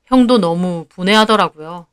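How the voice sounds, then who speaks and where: A woman narrating a first-person story in an even, measured storytelling manner. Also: lowish voice, clean tone.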